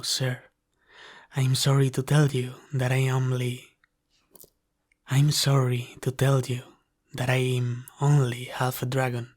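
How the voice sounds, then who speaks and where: Humble and grateful, the devoted half-dragon butler speaks slowly and with care, played by a man in an ASMR roleplay. The mid-pitched voice is darkish, level and held back, formal and attentive, carrying an apologetic meekness toward his master.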